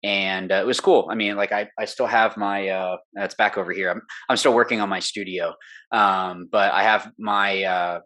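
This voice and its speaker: In a casual interview recorded in a home studio room, a young pro paintball player speaks at length, earnest and rambling with plenty of fillers. His fairly low voice is bright and forceful, with fairly even intonation and normal speed.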